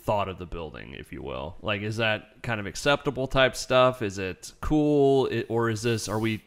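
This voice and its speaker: A man's voice: fairly low pitch, animated, moderate pace, smooth. A man hosting an interview indoors, asking questions in a joking, self-deprecating way. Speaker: podcast host, interviewer. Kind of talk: casual interview. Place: indoor room of an old school building.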